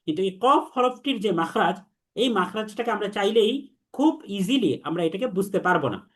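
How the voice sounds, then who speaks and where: A young man teaching Arabic letter pronunciation, repeating sounds slowly for students to echo back. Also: sits high, expressive. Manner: slow, repetitive drilling, has students repeat after him. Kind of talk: online lesson on Arabic letters.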